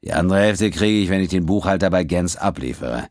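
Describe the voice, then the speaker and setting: A man doing a low, smug, menacing space pirate. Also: brisk, no room sound, studio quality. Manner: growling, calm, mocking. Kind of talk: audiobook character voice.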